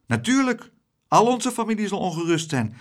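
A man voicing an earnest, steady young boy in an audiobook, raising his voice to sound like a child. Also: sits high, moderate pace, voice pushed up. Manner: earnest, matter-of-fact.

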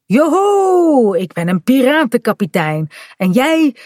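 A bright, bossy little girl playing pirate captain, put on by a woman reading a storybook, her voice pitched up and carried in a lively, eager way. the small room around her is dry and close. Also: takes it slowly, no echo, full character voice. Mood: playful. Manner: lively, bossy play-acting.

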